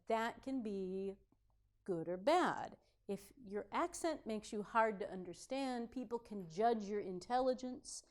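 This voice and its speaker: A middle-aged woman teaching a pronunciation class. She speaks in a clear, deliberate lecture style and models the example words slowly. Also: medium pitch, a little mellow. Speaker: pronunciation instructor.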